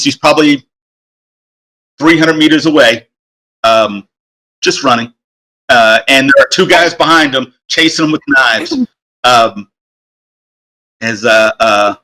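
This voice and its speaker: A man narrating as game master of a tabletop game, relaxed and full of fillers. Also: medium pitch, unhurried, long pauses, rough recording.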